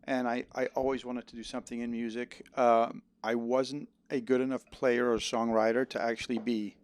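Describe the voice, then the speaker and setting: A man's voice: mid-range voice, level tone, moderate pace, darkish tone. A middle-aged man who grew up in the Netherlands, a sound mixer and filmmaker talking modestly and reflectively as a podcast guest, with frequent ums. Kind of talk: casual conversation.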